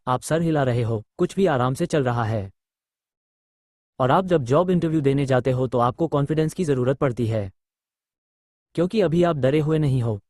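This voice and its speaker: A man's voice: mid-range voice, mellow, no echo, studio quality. A man, a spiritual teacher, answering audience questions bluntly and posing rhetorical questions.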